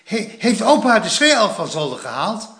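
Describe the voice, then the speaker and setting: A man voicing an eager, excited young gnome boy who shouts in a high voice. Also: moderate pace, reverberant, heavily acted.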